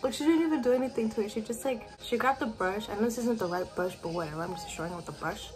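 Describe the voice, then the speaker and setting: A woman's voice: mid-range voice, fast talker, music in the background. A teenage girl chatting casually to her webcam in her bedroom, full of "like" fillers. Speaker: vlogger. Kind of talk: casual chat to camera. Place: bedroom at home.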